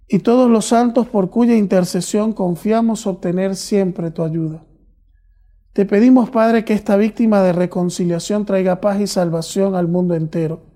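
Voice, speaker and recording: High-voiced, soft-toned priest praying at Mass. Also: male voice. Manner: solemn, measured, formal recitation. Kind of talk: liturgical prayer recited at Mass.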